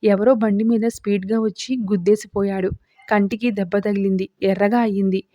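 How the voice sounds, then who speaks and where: A woman's voice: mid-range voice, flat delivery, a little fast, warm tone, no echo, lightly acted. A woman voicing a frail, worried grandmother in her later years, read plainly in a serial recap. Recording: dull dry lo-fi recording.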